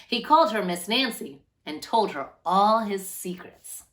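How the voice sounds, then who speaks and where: Animated woman reading a children's storybook aloud. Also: mid-range voice, unhurried. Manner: animated, lilting delivery for young children. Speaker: children's read-aloud host. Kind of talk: expressive storybook read-aloud.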